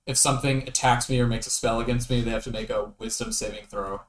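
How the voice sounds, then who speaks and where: A man's voice: mid-range voice, fairly even intonation, quick pace. A man at a tabletop game narrating his character's actions in the first person. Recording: echoey room with faint hiss.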